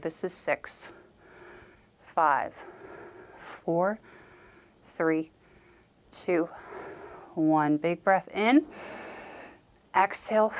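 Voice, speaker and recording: A woman Pilates instructor leading a guided workout, cueing movements and counting down reps while she exercises along. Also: on the low side.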